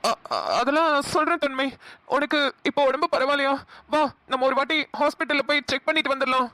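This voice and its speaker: A woman's voice: high voice, steady tone, brisk, sharp tone, no echo. A woman voicing a protective young husband in a cartoon, with a Kongu Tamil accent and an urgent, anxious way of speaking. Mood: worried. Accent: Kongu Tamil (Namakkal). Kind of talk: cartoon voice acting.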